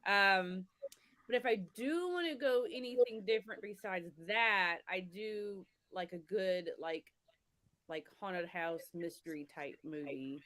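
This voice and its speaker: A woman's voice: mid-range voice, measured pace, fairly bright tone, no echo. A woman guest on a podcast talking frankly and casually about her horror collectible store, laughing easily.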